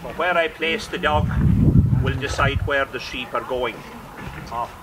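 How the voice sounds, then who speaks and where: A man's voice: mid-range voice, moderate pace, recorded from a distance. A man explaining a live sheepdog demonstration to spectators outdoors, in an instructive way. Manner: explanatory, rhetorical questions. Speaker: sheepdog trainer and presenter. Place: outdoors at a sheep dog trial. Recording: very noisy outdoor recording.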